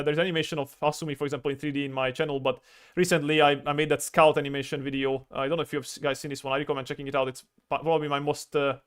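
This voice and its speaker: A man's voice: fairly high pitch, fairly bright tone, clear, resonant tone. Rambling man chatting while he draws. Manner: rambling, stammering, swears freely. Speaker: artist livestreaming. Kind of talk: casual chat while drawing on stream.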